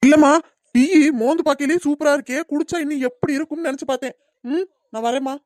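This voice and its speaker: A meek, pleading husband, voiced by a woman, in a cartoon comedy. He talks fast in a fairly high voice, recorded dry and close. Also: a little mellow, dry recording, natural voice. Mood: timid. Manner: timid, pleading. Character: meek henpecked husband, middle-aged man.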